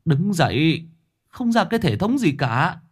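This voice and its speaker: A man playing a stern, gruff middle-aged father. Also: a bass voice, very animated, unhurried, pitched below the performer's own voice, full character voice. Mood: scolding. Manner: gruff, scolding.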